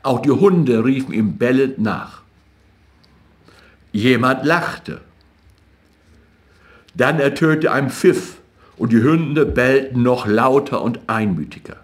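A man reading literary fiction aloud as an audiobook narrator in a measured, even way. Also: mid-range voice.

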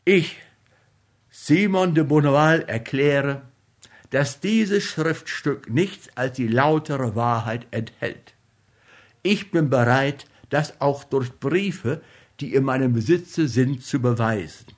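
Man voicing a stern storybook nobleman, sharp forceful tone, unhurried. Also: medium pitch, expressive. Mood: solemn, firm. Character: proud nobleman defending a dead woman's honor.

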